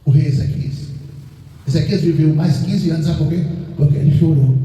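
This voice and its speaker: A man's voice: fairly high pitch, steady tone, moderate pace, mellow. A man, preaching a sermon as pastor, emphatic and full of repeated rhetorical questions. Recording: echoey hall, distant mic, faint noise.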